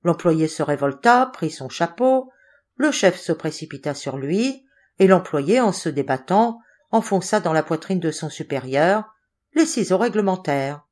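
A woman's voice: on the low side, animated, measured pace, darkish tone. A woman reading the part of a sceptical, needling male office clerk who loves to scandalize his colleagues. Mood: mocking. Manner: sardonic, needling.

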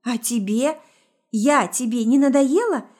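A woman reading a story aloud, voicing a jealous, hysterical young woman whose voice is shrill and raised in accusation. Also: unhurried, a little mellow. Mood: accusing.

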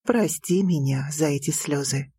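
A woman reading an audiobook, voicing a passionate, teasing young prince with slow, low, intimate delivery. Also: creaky, mellow, slightly rough, dry recording, clean studio sound, heavily acted. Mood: tender.

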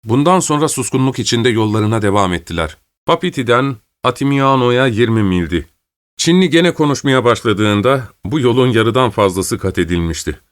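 A man calmly reading a story aloud as narrator, in a measured way. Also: mid-range voice, no room sound, studio quality.

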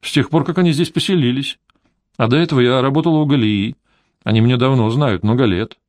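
A man's voice: mid-range voice, quick pace, darkish tone, no room sound, clean studio sound, natural voice. A man reading an audiobook, voicing a stubborn, secretive older woman housekeeper who grumbles and refuses curtly. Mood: plaintive, defensive.

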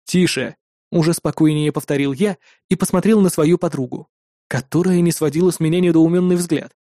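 An audiobook narrator reading a first-person fantasy story with steady, lightly dramatic storytelling. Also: mid-range voice, brisk, no echo, clean studio sound.

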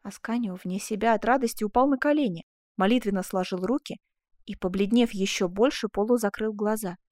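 A woman narrating a classic novel in a measured, expressive way. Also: mid-range voice, no echo, studio quality. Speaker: audiobook narrator.

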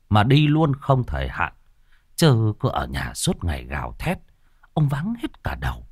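A man's voice: fairly low pitch, a little mellow, no echo, clean studio sound. A man narrating a horror tale in a vivid, dramatic storytelling style.

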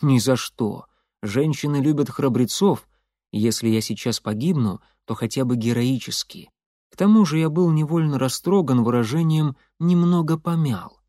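A man narrating an audiobook in the first person, telling the story in a lively, expressive way. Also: mid-range voice, moderate pace, dry recording. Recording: dry close studio sound.

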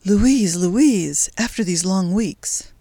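A daring young resistance fighter, voiced by a reader, who talks in a brisk, determined way. He stays tender with his sweetheart, and his lines come through clean and dry, with no room sound, like a close storybook reading. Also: medium pitch, darkish tone, no echo, lightly acted. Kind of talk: audiobook character voice.

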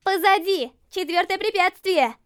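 A woman's voice: extremely high pitch, measured pace, fairly bright tone, pitched above the performer's own voice. A woman voicing a reckless, gleeful young woman driver who barks orders, in a storybook reading. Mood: brash. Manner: bossy and brash, barking orders.

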